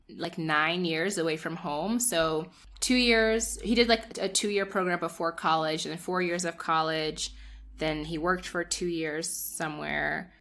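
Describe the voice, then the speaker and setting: A low-pitched woman, talking as a guest on a podcast. Her voice has a sharp, forward brightness, and she thinks aloud in a relaxed, reflective way with plenty of fillers. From United States. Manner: reflective, frequent filler words. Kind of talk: casual conversational interview.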